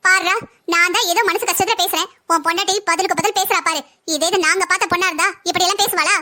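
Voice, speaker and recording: A woman voicing a bossy, sharp-tongued older sister-in-law who taunts and scolds in a cartoon family story. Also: very high-pitched, fairly even intonation, fast. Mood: scolding.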